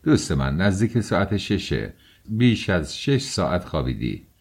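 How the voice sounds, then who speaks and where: A man's voice: low-pitched, big pitch swings, slightly rough, heavily acted. A man reading the lines of an eager, talkative young friend who fusses over a sick companion in an audiobook. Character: cheerful fussing young male friend.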